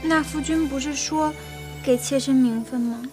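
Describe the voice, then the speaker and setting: A young actress playing a coy, clingy teenage concubine in a comedic period TV drama, talking in a sweet, wheedling way. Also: female voice, sits high, moderate pace, natural voice. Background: background music.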